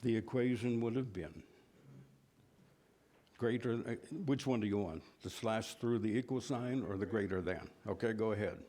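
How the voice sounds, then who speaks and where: A man's voice: fairly low pitch, moderate pace, warm tone, a little hiss or hum. A man from West Virginia teaching a church Bible class in a folksy, self-deprecating way, asking the class questions.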